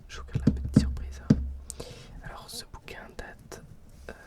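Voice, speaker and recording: A man's voice: moderate pace, distant mic. Whispering man, right in your ear. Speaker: ASMR video host presenting old books. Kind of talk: whispered ASMR. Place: indoors at home. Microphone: close binaural microphone.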